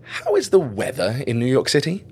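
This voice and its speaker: An actor playing a chatty caretaker who talks to himself, with muttered and whispered asides. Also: male voice, medium pitch, huge pitch swings, normal speed, a little mellow, breathy edge, exaggerated voice. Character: chatty male caretaker archiving logs.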